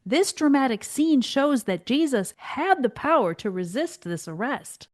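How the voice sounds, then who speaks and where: A woman's voice: sits high, sing-song, a little slow. Reflective woman co-hosting a Bible podcast. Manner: reflective, poses questions. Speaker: podcast co-host. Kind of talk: Bible study discussion.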